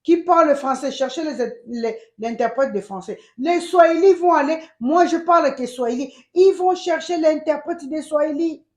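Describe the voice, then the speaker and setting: Switching between Lingala and French, a Congolese-accented channel host in the United States offers lively, emphatic commentary in a casual style. Her voice is high, her pace moderate with few pauses, and the sound is reverberant.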